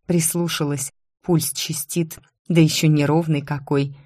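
A woman narrating a first-person fantasy audiobook in an expressive, dramatic reading. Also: sits low, measured pace, dry recording, clean studio sound.

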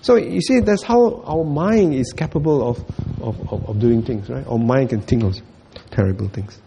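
A man's voice: medium pitch, normal speed, creaky, warm tone, a little hiss or hum. A man giving a Buddhist dharma talk, repeating points, checking in with listeners and chuckling often. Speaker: Buddhist teacher.

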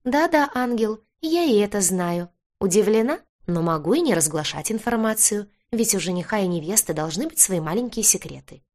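A woman's voice: medium pitch, expressive, moderate pace, few pauses, darkish tone, voice pushed up, lightly acted. A woman voicing a smug, mocking werewolf man. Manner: mocking, self-satisfied.

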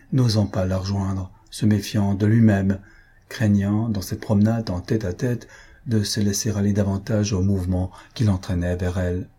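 A man narrating a classic novel in measured, even storytelling. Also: lowish voice, husky. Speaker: audiobook reader. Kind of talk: scripted narration.

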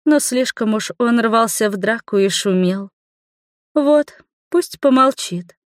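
A woman voicing a stern, ancient female swamp spirit who speaks slowly and coldly. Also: fairly high pitch, animated, no room sound, studio quality, pitched above the performer's own voice.

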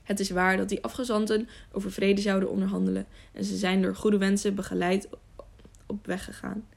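A woman's voice: mid-range voice, flat delivery, a little fast, creaky, a little mellow. A woman narrating an audiobook, reading steadily with small slips.

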